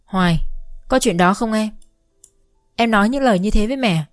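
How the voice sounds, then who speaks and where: A woman's voice: mid-range voice, moderate pace, no echo, studio quality, faint music behind, lightly acted. An irritable young husband caught between his mother and his wife, voiced by a woman narrator. He asks his questions with frowning impatience. The character comes from an audio storybook. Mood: irritated.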